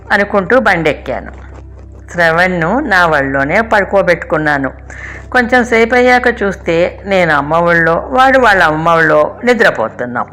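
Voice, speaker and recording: An older woman reading her childhood memories aloud in a calm, measured way. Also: lowish voice. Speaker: storyteller. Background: faint music.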